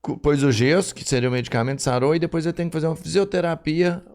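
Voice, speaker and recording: A man's voice: fairly high pitch, level tone, fast talker, darkish tone. A man hosting a podcast who asks follow-up questions and offers his own comparisons in casual conversation. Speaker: podcast host. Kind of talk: casual interview chat.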